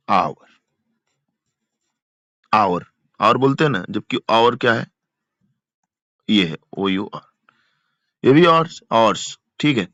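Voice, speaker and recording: Man teaching grammar, slow repeated examples. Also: medium pitch, no echo. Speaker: English teacher. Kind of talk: exam-prep grammar lesson. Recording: dull lo-fi sound, dry.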